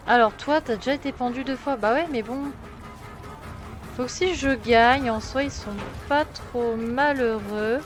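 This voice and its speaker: A young Frenchwoman with a French accent streams a game, her voice slightly high and a touch slow. She chats, mocks herself, and mutters under her breath as she plays, giving casual commentary over game music.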